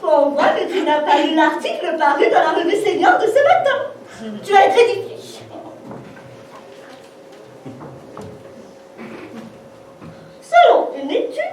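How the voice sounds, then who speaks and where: Shrill, echoey actress playing a bossy elderly woman friend. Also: a little mellow, exaggerated voice. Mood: teasing. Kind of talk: amateur stage comedy acting. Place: theatre stage, recorded from a distance. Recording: echoey theatre recorded from far off, noisy.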